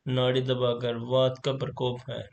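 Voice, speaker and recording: A man's voice: medium pitch, monotone, measured pace, creaky, a little mellow, a little hiss or hum. A man reading as a know-it-all old healer. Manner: knowing, kindly teasing. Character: confident old male village healer.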